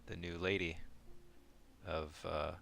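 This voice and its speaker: A man playing in a tabletop game, talking in an unhurried way with hesitations. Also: low voice, flat delivery, gravelly, fairly bright tone, a little hiss or hum. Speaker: player.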